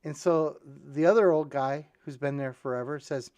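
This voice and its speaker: A man's voice: normal speed, darkish tone. Rambling male podcast host telling jokes. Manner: rambling storyteller, restarts, jumps to high voices for punchlines. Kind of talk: casual podcast chat, long joke telling.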